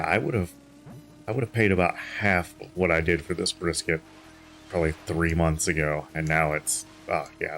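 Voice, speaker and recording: A man's voice: low-pitched, fairly bright tone. A tired man streaming a game from home, chatting in a rambling way with lots of fillers and restarts. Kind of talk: casual chat while gaming.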